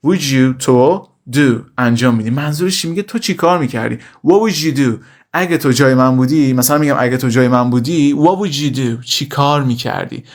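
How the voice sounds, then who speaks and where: A male language teacher who pronounces example phrases slowly and deliberately, then explains them quickly and casually, often calling his students "kids". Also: medium pitch. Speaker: English teacher. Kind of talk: language lesson, explaining in Persian.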